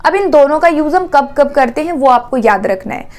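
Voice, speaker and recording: A woman teaching an exam-prep grammar lesson, repeating words slowly and checking in often. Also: high-pitched, animated, darkish tone.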